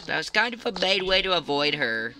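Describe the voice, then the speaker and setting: A man's voice: fairly high pitch, big pitch swings, a little fast. A man casually commentating a game for viewers, explaining what happens, on a noisy home recording. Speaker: gaming commentator. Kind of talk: casual let's-play commentary.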